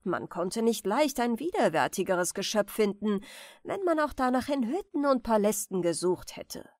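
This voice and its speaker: A woman narrating fairy tales as a bedtime audiobook, calm and gentle. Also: medium pitch, normal speed, no room sound.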